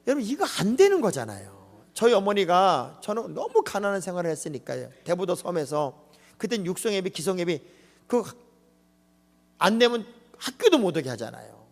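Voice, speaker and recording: A Korean man preaching a revival sermon from the pulpit, his fairly high voice leaping across a wide range. He swings from loud cries to hushed asides and slips into little acted scenes. Long reverb from the big sanctuary trails behind each phrase. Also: very animated, moderate pace, creaky. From South Korea. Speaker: pastor. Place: large church sanctuary. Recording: long echoing hall reverb.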